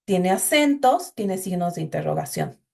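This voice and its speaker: A woman's voice: fairly low pitch, big pitch swings, normal speed, creaky, darkish tone. A woman giving an informal, explanatory recorded programming class and talking directly to her students. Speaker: instructor.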